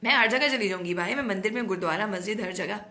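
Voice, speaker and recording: A middle-aged woman host with a hoarse throat, talking outspokenly in a casual monologue and mixing in English words. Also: medium pitch, fast talker. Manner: outspoken, animated, mixes English words into Urdu. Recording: echoey room, no proper mic.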